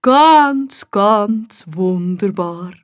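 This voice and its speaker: A woman with a Swiss German accent voicing a cheerful, talkative male garden gnome in a children's storybook, slow and deep-toned. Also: no echo, clean studio sound, close to an everyday voice. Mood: delighted.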